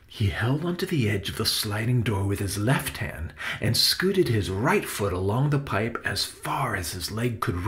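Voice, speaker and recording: A man reading his own children's book aloud, with expressive, dramatic storytelling. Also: mid-range voice. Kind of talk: audiobook narration.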